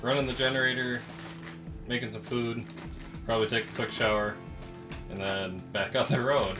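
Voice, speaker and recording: A man's voice: medium pitch, steady tone, normal speed, over music. A man from the United States chatting casually as a travel vlogger. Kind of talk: casual travel vlog chat.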